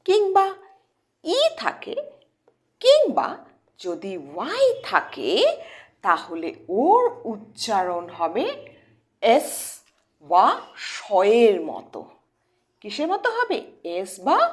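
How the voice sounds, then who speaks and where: A woman teaching English pronunciation in Bengali, her first language. Her voice is high and swings widely in pitch. She keeps asking her students questions and then answers them herself. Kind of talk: online lesson, explaining to students.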